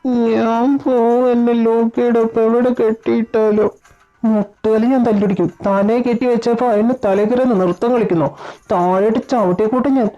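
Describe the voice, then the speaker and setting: A woman plays a blustering, short-tempered father in a homemade audio drama, with a scolding and threatening manner. The voice is mellow and fairly high for a woman, and it comes through a dull, lo-fi recording. Faint music plays underneath. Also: steady tone, normal speed, lightly acted. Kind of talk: amateur audio drama dub.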